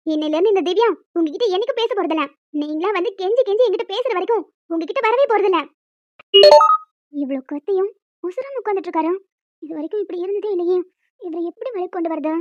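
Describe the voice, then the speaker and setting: Playing a clingy young village wife in a Tamil audio romance drama, a woman uses a high, girlish, warm voice with lively intonation, sulkily pleading and chattering on and on. The audio is dry and somewhat dull, with no room sound.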